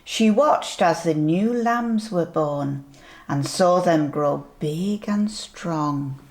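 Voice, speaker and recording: A sweet grandmotherly older woman reading a picture book aloud to young children, gently pointing things out as she goes. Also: on the low side. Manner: slow, deliberate storytelling with asides.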